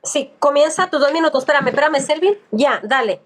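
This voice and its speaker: Firm high-voiced woman debating. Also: a little fast. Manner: firm, addresses opponent directly, teasing. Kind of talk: heated online debate.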